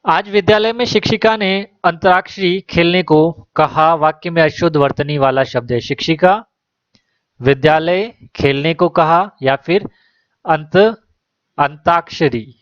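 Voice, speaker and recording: A man's voice: on the high side, unhurried, dry recording, lo-fi sound. A man who works as a teacher, going through exam questions one by one: he reads each question and its options, then gives the right answer.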